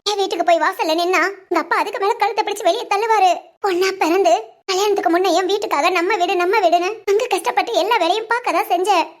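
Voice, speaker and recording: Woman voicing a young wife who's been wronged, pleading, very high squeaky voice. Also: fast. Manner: pleading, wounded. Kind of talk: cartoon voice acting.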